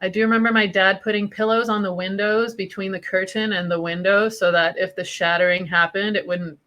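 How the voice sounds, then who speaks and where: Bright-voiced woman from Iran, chatty. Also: medium pitch, steady tone, fairly quick. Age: 40s. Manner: chatty, swears freely, laughs through dark memories. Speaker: podcast host sharing her story. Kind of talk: candid casual conversation.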